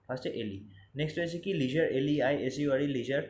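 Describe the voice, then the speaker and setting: Fast-talking male spelling teacher. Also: fairly high pitch, darkish tone, slight background noise. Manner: spells words letter by letter, repeats for emphasis. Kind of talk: exam-prep spelling lesson. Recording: roomy echo, faint ambience.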